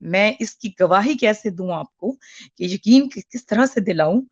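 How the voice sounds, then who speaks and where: A woman's voice: medium pitch, animated, moderate pace, a little mellow, no room sound, muffled recording. Woman in her forties, heard over a call. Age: 40s. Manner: hesitant, with many fillers and restarts. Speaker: caller. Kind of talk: earnest call-in testimony.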